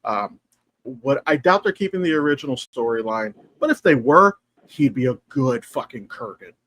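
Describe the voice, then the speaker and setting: A man co-hosting a casual podcast, talking in an animated, profane way that jumps up in pitch when he gets excited. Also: normal speed. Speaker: podcast co-host.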